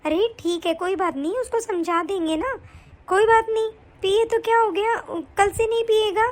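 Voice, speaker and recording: A woman voicing an older mother-in-law in an animated story, who takes her son's side and scolds her daughter-in-law dismissively. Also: very high-pitched, normal speed.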